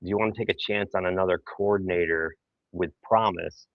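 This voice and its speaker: A man's voice: low voice, steady tone, a little fast, dry recording, phone-quality sound. A tired man in a hotel room, rambling through casual sports chat with a bag over his head. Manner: rambling, many fillers and restarts. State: tired, early morning. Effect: talking with a bag over his head. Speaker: podcast co-host.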